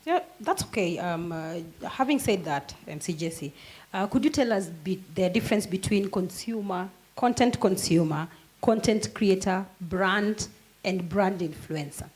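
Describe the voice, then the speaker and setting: Woman, moderator, mid-range voice, deliberate and measured. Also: medium pitch, lively intonation, darkish tone. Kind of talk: panel moderation.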